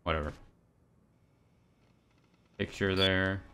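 A man's voice: deep voice, fairly even intonation, slow pace, sharp tone, smooth. A man casually commenting on a video game as he plays, with dry, sarcastic remarks and frequent laughs. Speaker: let's play gamer.

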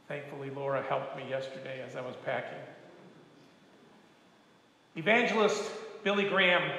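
An older man, a retired pastor, preaching a sermon with gentle, folksy storytelling and humor. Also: fairly high pitch. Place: church sanctuary. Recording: echoey church hall.

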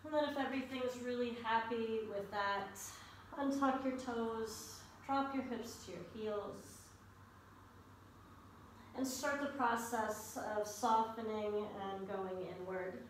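A woman leading a yoga class as the instructor, in a calm, unhurried, soothing guiding delivery. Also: fairly high pitch. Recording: echoey room, distant mic, faint noise.

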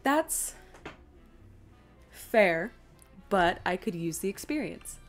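She streams a game slowly and expressively in a fairly low voice, with faint music in the background. Her commentary is casual and self-deprecating, wandering as she thinks aloud and reads chat.

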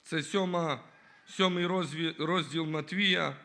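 A man's voice: on the high side, fairly even intonation, slow pace, pushed and bright. A man giving his testimony at a church service, earnestly reading scripture and often calling the listeners brothers and sisters.

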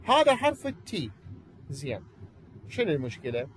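A male English teacher with an Iraqi Arabic accent leads an online class. His voice sits a bit high and moves up and down a lot. He keeps asking a question and answering it himself. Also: wildly swooping pitch, normal speed, fairly bright tone, a little hiss or hum, low-quality recording.

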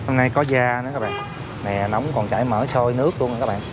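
A man's voice: mid-range voice, fast. A man with a southern Vietnamese accent bantering casually and jokily, often repeating his words. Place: outdoors by a street. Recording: noisy outdoor street with traffic.

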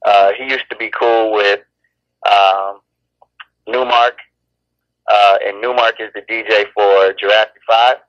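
Interviewed casually, a rapper from Chicago who grew up in Los Angeles rambles laid-back and keeps restarting sentences. His steady voice is on the low side and a bit bright, measured in pace with frequent pauses. The recording is dry with the highs cut off.

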